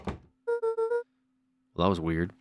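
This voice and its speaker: A man's voice: low-pitched, level tone, slow, over music. A man chatting casually as he livestreams a game. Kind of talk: casual game stream chat.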